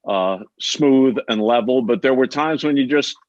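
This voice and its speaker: A man's voice: medium pitch, a little mellow, no room sound. A man moderating a panel discussion, chatty and laughing along, setting up questions with short stories of his own. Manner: chatty, laughs along, tells quick stories before asking. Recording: dull dry close mic.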